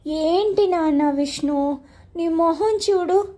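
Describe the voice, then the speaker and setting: Woman playing a storybook mother, high voice, patient, kindly, quick to scold. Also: mellow. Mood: soothing. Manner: soothing, scolding.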